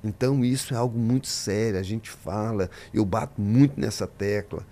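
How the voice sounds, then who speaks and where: A man's voice: fairly low pitch, moderate pace, dark tone. A man, a pastor, talking in a podcast interview, preaching-style and emphatic, acting out the voices in his stories.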